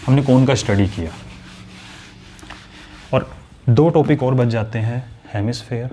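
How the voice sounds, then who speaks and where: Over a faint hiss or hum, a man with a mid-range, dark-toned voice teaches maths a little slowly. He chats directly with his students in a conversational manner, acting out their questions as part of the classroom explanation.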